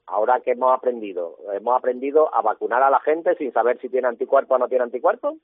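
A husky-voiced man talks about his hospital work over a thin, tinny phone line. He sounds indignant and keeps throwing out pointed rhetorical questions. The line is dry, with no room sound. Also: medium pitch, quick pace, no room sound. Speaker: hospital doctor. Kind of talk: radio phone interview.

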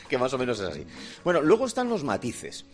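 A man's voice: mid-range voice, wildly swooping pitch, moderate pace. A man with a Basque Spanish accent, joking his way through a comic radio chat. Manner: jokey, playful explainer. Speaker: radio comedy contributor.

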